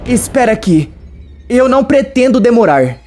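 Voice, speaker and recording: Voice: medium pitch, big pitch swings, moderate pace, darkish tone, soft background music, voice pushed up, lightly acted. A narrator reading a defiant young heroine, firm and sarcastic.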